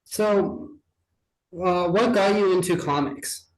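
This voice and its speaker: A man's voice: sits high, takes it slowly, roomy sound, low-quality recording. Upbeat young male podcast host. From Wyoming. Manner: upbeat, relaxed question-asking. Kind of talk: casual interview chat.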